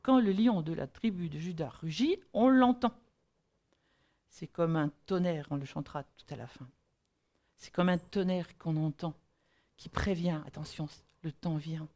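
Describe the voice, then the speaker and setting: In a low, warm voice, a woman preaches earnestly and reads Bible verses, halting and restarting as she thinks aloud and pressing emphatic rhetorical questions.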